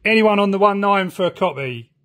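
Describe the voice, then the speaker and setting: A man's voice: high voice, animated, brisk, a bit bright, slight background noise. A middle-aged man with a southern English accent chatting informally in a casual hobby vlog. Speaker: radio hobbyist vlogger. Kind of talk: casual vlog chat and radio calls. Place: house and back garden.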